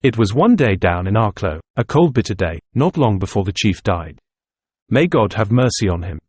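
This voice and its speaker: Brief: wry middle-aged rebel raconteur, read by a man, lowish voice, dry booth. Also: sing-song, normal speed, a little mellow, breathy edge, no echo. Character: stubborn middle-aged Irish nationalist man telling a tale.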